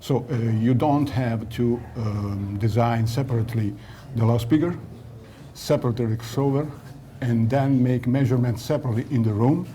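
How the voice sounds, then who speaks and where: At a bustling Milan audio trade show, a man who designs loudspeakers gives an interview full of technical explanation, teaching as he goes and frequently hunting for the right word. He speaks at a normal speed in a mellow, mid-range voice.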